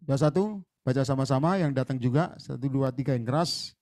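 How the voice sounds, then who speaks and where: A man preaching a lively sermon as a guest preacher, chatty, jumping between loud bursts and low asides and acting out conversations with church members. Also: a little fast. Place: church hall.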